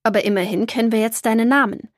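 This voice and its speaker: Kindly old storybook grandfather, warm and teasing, read by a woman; dry booth sound. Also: fairly high pitch, fairly even intonation, fast, dry recording, close to an everyday voice.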